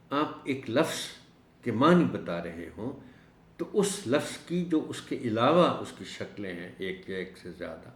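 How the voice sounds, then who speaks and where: A man teaching a recorded lesson for teachers, explaining words slowly and drawing out the key ones. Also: low voice, roomy sound. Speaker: teacher trainer.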